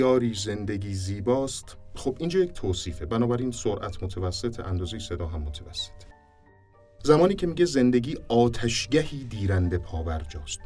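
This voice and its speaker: A man with a low, deep voice teaches recitation. He stands a little back from the mic, with faint music behind him. He swings from calm explanation to loud, drawn-out readings of poetry. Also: recorded from a distance. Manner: explains then demonstrates by reciting poetry with shifting loudness. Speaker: voice acting teacher. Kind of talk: recitation lesson. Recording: music underneath, somewhat off-mic.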